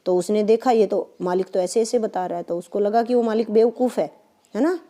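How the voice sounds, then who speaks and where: A woman's voice: mid-range voice, brisk, mellow. A woman teacher patiently explaining a poem line by line to young pupils, often checking with little questions.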